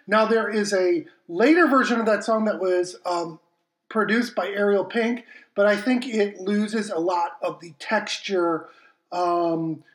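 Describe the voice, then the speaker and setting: A man's voice: high voice, fairly bright tone. Man talking through a heavily echoing broken mic. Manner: rambling, apologetic, self-deprecating, many fillers. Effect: echoey reverberating sound from a broken mic setup. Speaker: music podcast host. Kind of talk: casual chat introducing songs. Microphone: faulty home podcast mic. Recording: heavy echo from a broken mic setup.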